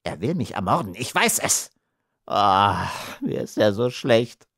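A man's voice: medium pitch, sing-song, normal speed, no room sound, clean studio sound, lightly acted. A male narrator voicing a tiny, frightened male arms trader who whines and shrieks his complaints in an audiobook. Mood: miserable. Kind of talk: audiobook character voice.

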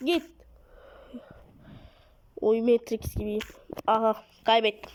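A woman giving excited live commentary on a mobile game, her voice a little off from being ill, recorded on a phone mic. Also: on the high side, slow pace, a little hiss or hum, rough recording. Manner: excitable, urges and scolds the game, drops to mutters. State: slightly ill voice. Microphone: phone mic via screen recorder.

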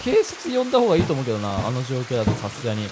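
A man's voice: medium pitch, huge pitch swings, racing, noisy background. Jumpy young man playing a horror game. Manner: chatty, jumpy, reactive. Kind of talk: casual game commentary. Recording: game music playing behind.

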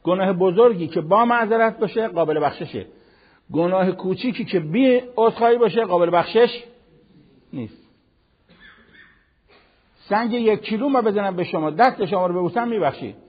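An older man giving a televised religious lesson, preaching in an animated, conversational way with everyday examples. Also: high-pitched, long pauses, breathy edge, big-room sound, muffled recording. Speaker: Quran teacher.

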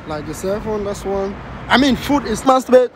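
A man's voice: high voice, animated, normal speed, slight background noise. A man asking strangers cheeky questions on a city street, laughing and teasing as he goes. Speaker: street interviewer. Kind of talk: casual street interview.

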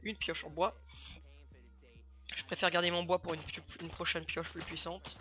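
A young man with a northern French accent casually commentating his gameplay, chatty and self-mocking, with sudden bursts of excitement. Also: a little high, moderate pace, very noisy. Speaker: gamer commentating his play. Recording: home mic with loud game music behind.

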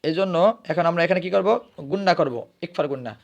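A man teaches recitation. He spells words out letter by letter, asks questions and answers them himself, then chants the words slowly. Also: high voice, highs cut off.

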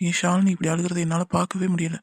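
A man's voice: sits high, flat delivery, fast talker, dry recording. A man voicing a young man in a cartoon drama who earnestly pleads with and comforts the family. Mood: comforting.

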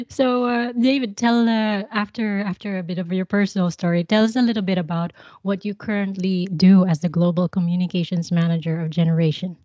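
A young woman from the Philippines hosting an interview over a video call, friendly and quick to laugh. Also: mid-range voice, mellow, no echo. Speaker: podcast host. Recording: dry, dull lo-fi call audio.

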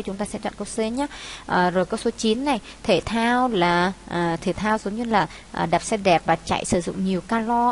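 Woman teacher, Vietnamese accent, mid pitch, halting step-by-step explaining, faint hiss. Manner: unhurried, many hesitations, explains step by step. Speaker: English teacher. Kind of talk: exam walkthrough lesson.

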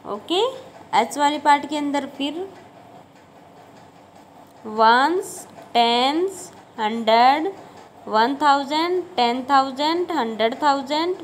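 Woman math teacher, Haryanvi Hindi accent, high voice, slow and patient, faint hiss behind. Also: low-quality recording. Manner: slow, patient, repeats numbers and "okay" checks. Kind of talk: classroom math lesson in Hindi-English mix.

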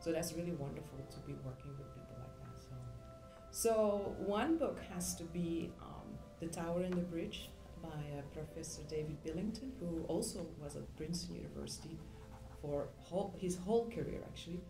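A woman's voice: low voice, normal speed, echoey room, music in the background, low-quality recording. A middle-aged woman from Belgium, an engineering professor, answering interview questions thoughtfully with many ums and restarts. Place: indoor room.

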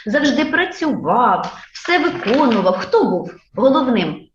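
Woman kindergarten teacher, high and lively sing-song voice, slow coaxing delivery, echoey lo-fi classroom recording. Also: background noise. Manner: slow, drawn-out sound drills with children repeating. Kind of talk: phonics lesson for young children. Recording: echoey room, dull lo-fi sound.

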